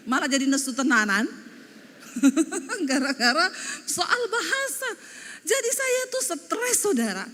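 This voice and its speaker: A middle-aged woman pastor from Sulawesi with a Sulawesi accent, preaching a lively, humorous sermon that slips into Javanese phrases. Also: sits high, big-room sound. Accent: Sulawesi Indonesian.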